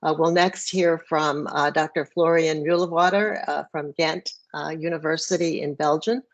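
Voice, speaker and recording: Woman session chair, very low pitch, hesitant with fillers, video call audio. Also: fairly even intonation, normal speed. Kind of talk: online conference moderating.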